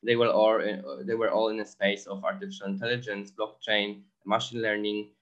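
A Polish guest entrepreneur, speaking English as a second language, answers interview questions with plenty of fillers and restarts. His voice is fairly low and slightly bright, delivered at a moderate pace, and the audio sounds dull.

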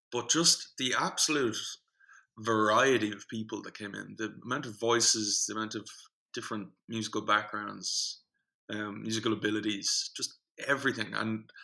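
A young man tells an animated podcast story with a gravelly, creaky edge to his voice. His delivery is forceful and bright, and he sits a little low in pitch. He rambles through fillers and restarts in a loose, casual way. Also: low-quality recording. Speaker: podcast co-host, singing group organiser.

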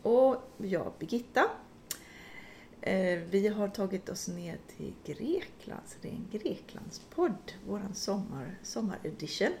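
A middle-aged woman chats casually on a podcast, spinning a funny personal story. She is lively and laughs often, with swears mixed in, and her voice is medium in pitch. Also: vocal fry, a little hiss or hum. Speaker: podcast co-host.

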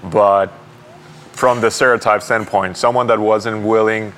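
Low, flat-voiced man asking questions. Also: measured pace, a little hiss or hum. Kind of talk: casual panel talk.

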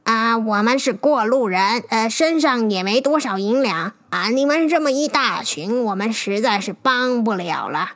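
A woman puts on a wise old seafaring man from a storybook. He talks at an unhurried, drawn-out pace, with little chuckles. His voice sits fairly high for an old man. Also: lively intonation, a bit bright. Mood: knowing. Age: older. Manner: slow, drawn-out, chuckling explanations. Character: old male sailor, wise and good-humored storyteller.

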